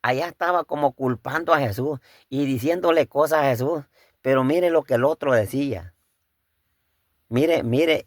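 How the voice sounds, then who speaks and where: Male preacher, mid pitch, gravelly edge, dry close sound; informal sermon, halting and repetitive, addresses congregation as brother. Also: no echo. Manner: conversational preaching, addressing listeners as brother, rhetorical questions; halting, repeats words as he thinks.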